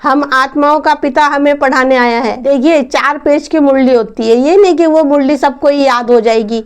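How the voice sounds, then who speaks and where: Woman, high voice, earnest spiritual speaker, devotional talk, repeats points, rhetorical questions. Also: moderate pace.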